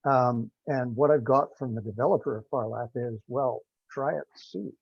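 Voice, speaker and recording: On a dull, dry, lo-fi conference call, a non-scientist project participant speaks informally in a technical teleconference. His mid-range voice is gravelly and slightly rough, moderately paced, and his talk is hesitant, rambling and self-deprecating.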